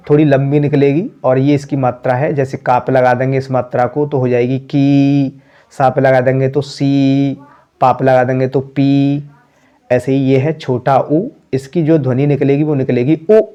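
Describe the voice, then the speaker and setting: A man teaching a beginner class, sounding out each letter slowly and patiently. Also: medium pitch, warm tone, muffled recording. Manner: slow, drawn-out sounding of letters.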